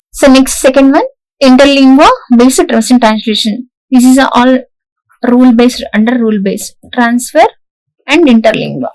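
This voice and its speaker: A woman's voice: sits high, poor audio. A woman lecturer with an Indian English accent, explaining a lesson in a classroom style and often checking in with "right?". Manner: repeats "right?" to check understanding, frequent restarts.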